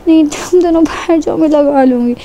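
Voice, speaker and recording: A wailing young girl, put on by a woman storyteller, her voice pushed up high and thin over a soft, mellow tone. She whines and pleads, stubborn to the end. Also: brisk, a little hiss or hum. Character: crying girl, whiny and stubborn.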